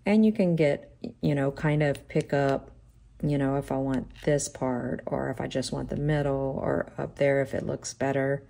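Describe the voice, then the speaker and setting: Filmed from overhead at a tabletop crafting desk, a middle-aged woman chats through a nail art unboxing. Her voice is low, mellow, steady, and croaky and gravelly from a sore throat. She speaks slowly and loosely, rambling and thinking aloud with plenty of fillers.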